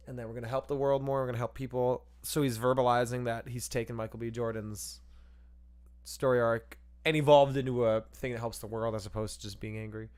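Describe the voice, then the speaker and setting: Casual podcast co-host, male, rambling and profane, mid-pitched, laughs a lot. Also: fairly even intonation, a little fast, darkish tone, smooth. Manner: rambling, profane, laughs often, acts out silly voices. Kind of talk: casual movie review chat.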